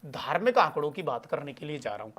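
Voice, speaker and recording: A man's voice: a little high, very animated, fast, a bit bright. Call-and-response male teacher. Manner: call-and-response, answers own questions; calls viewers brothers and son, reads comments. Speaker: online exam-prep teacher. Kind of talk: live online class teaching.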